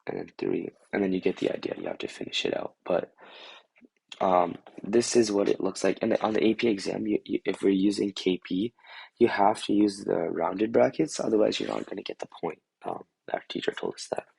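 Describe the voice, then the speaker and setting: A young man, hoarse after losing his voice, giving a casual chemistry review and rambling with lots of "like" and "um" as he thinks aloud. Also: fairly low pitch, fairly even intonation, brisk, a little mellow, poor audio. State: hoarse from a lost voice. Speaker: student tutor. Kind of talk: casual chemistry review over a drawing screen.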